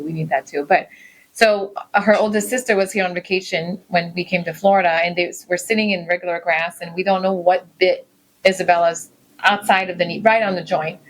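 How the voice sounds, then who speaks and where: A woman's voice: lowish voice, low-quality recording. A middle-aged woman, a mother and podcast co-host, telling a family story in casual chat and acting out the quotes. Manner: animated storyteller, acts out quotes, laughs easily.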